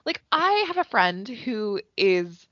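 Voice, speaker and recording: Woman, podcast co-host, very lively pitch swings, blunt and exasperated, dry dull lo-fi sound. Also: slow, dry recording. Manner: exasperated and outspoken, swears. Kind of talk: casual chat.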